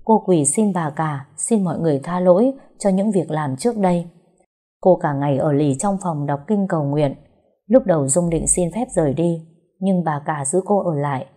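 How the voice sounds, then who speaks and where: A woman narrating a dramatic tale in a steady, somber voice. Her tone is low, dark and mellow, with a husky edge. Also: normal speed. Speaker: storyteller.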